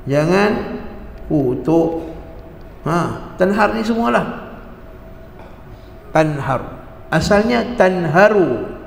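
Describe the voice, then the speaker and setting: A man's voice: high-pitched, expressive, takes it slowly, creaky, pauses often, slight background noise. A man teaching a religious class on Arabic grammar. He is patient, quizzes his students and repeats key words. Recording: echoey hall with long reverb.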